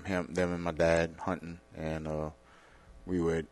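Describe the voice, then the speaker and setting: A man, a podcast guest talking in a relaxed way, halting with many fillers. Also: low-pitched. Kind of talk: casual interview talk.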